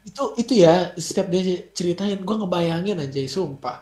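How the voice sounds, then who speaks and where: Young man, host, casual reaction chat, slangy, excitable, echoey room. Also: high voice, normal speed, a crowd in the background. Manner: excitable, slangy, repeats himself. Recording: roomy echo.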